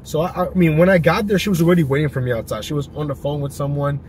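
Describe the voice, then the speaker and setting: Driving along, a young man chats loosely to his dash-mounted camera in a casual vlog, full of fillers and false starts. He talks fast in a fairly high-pitched, darkish voice with fairly even intonation. Faint noise from the car can be heard behind him.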